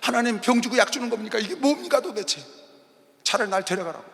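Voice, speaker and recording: A man's voice: extremely high pitch, fast, vocal fry, crowd noise, pitched above the performer's own voice. A man voicing Jonah as a sulking, exasperated grown man who whines at God. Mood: peevish. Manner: whiny, exasperated outbursts. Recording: long arena hall reverb.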